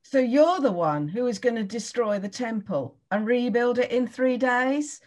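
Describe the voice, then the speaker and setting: A woman's voice: fairly high pitch, expressive, a little slow, a little mellow. A woman playing a scornful passerby who jeers and taunts in a dramatized scripture reading. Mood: jeering. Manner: jeering, taunting. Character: scornful passerby mocking a condemned man.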